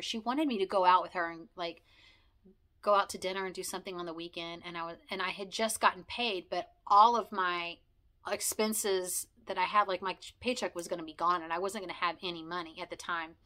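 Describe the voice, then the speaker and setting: Bright-voiced chatty woman vlogger. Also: lowish voice. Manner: chatty, rambling, with frequent fillers and laughs. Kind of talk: personal heartfelt vlog, talking to camera.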